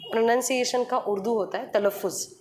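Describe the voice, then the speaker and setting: A woman radio jockey with a slightly high voice talks a podcast host through her points step by step, mixing in English phrases. A faint hum of room noise sits behind her. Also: steady tone, moderate pace, a little mellow. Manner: explains patiently with examples, mixes in English phrases. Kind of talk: podcast interview conversation.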